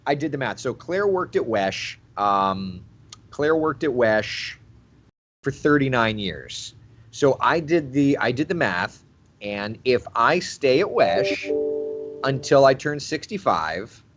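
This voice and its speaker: A man's voice: medium pitch, big pitch swings, slow, fairly bright tone. A man in his thirties, a TV meteorologist hosting a casual livestream, chatting and reading out viewer comments. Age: 30s. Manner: chatty, laughs easily, repeats phrases. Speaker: TV meteorologist host.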